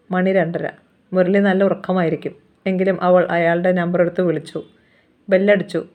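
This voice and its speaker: A storyteller from Kerala reading a serialized novel aloud in an even, measured narration. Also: mid-range voice, narrow, tinny audio. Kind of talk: scripted audiobook narration.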